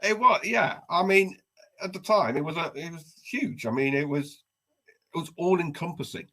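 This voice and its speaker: A man co-hosting a podcast, telling a story in a wry, self-deprecating, animated way. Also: a little high, normal speed. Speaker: podcast co-host. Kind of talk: casual storytelling chat.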